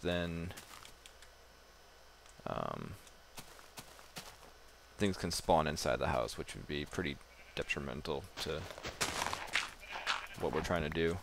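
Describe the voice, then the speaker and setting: A man's voice: sits low, gravelly. A man giving casual, rambling gameplay commentary, self-deprecating and swearing now and then. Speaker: gamer. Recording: noisy home mic recording.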